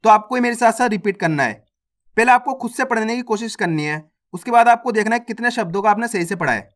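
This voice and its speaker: High-voiced man drilling reading words. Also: fast talker, fairly bright tone. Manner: patient, repetitive drilling, sounding out each word and asking how to read it; addresses viewers as friends, casual classroom tone. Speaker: Hindi reading teacher. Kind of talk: online reading lesson, word drills.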